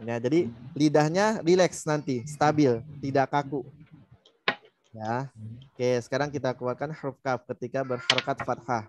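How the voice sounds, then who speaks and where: A man's voice: mid-range voice, moderate pace, slight background noise. A man teaching Quran recitation in an online class, patiently demonstrating each letter sound over and over. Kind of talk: online tajwid lesson.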